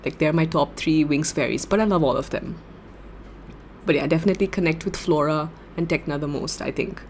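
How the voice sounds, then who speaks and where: A young woman livestreaming, chatting casually with viewers and answering their comments in a giggly, gushing, excitable way. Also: sits low, a little fast, slight background noise.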